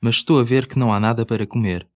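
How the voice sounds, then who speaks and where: A man's voice: medium pitch, fast talker, a little mellow, no echo, studio quality. A man with a European Portuguese accent reading scripted language-course dialogue, carefully enunciated.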